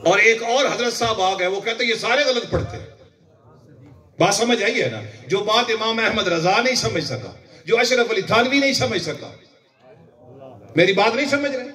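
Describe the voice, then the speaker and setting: A man preaches a sermon, telling stories in a folksy way and regularly asking the crowd whether they follow. His voice sits high for a man and carries a lot of room echo. He sounds some distance from the microphone. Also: sharp tone. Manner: folksy, mixes Punjabi phrases, asks listeners if they understand. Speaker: religious preacher. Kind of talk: sermon with storytelling.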